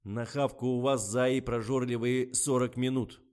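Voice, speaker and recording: A man voicing a loud, excitable male film director in an audiobook, shouting orders and stretching out his exclamations. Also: medium pitch, unhurried, voice pushed up, lightly acted. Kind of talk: audiobook character voice.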